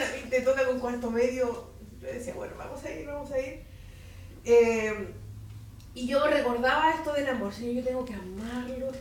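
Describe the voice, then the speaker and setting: A Chilean woman teaching at a Bible institute, sharing a personal testimony in an informal, animated storytelling manner and acting out dialogue. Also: high voice. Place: classroom. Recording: distant mic in an echoey room, faint hiss.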